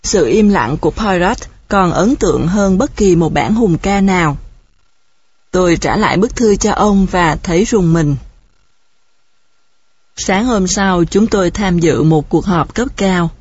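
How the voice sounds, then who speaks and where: A woman narrating an audiobook in a steady, measured storytelling manner. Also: fairly low pitch, slightly rough, dry recording. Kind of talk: audiobook reading. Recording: dull, dry recording.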